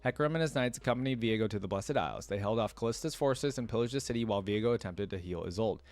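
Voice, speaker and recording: Hosting a reaction video, a man reads lore aloud at a quick pace in a lowish, slightly mellow voice. He keeps it casual, adding his own reactions between passages, and the close-mic recording has no echo.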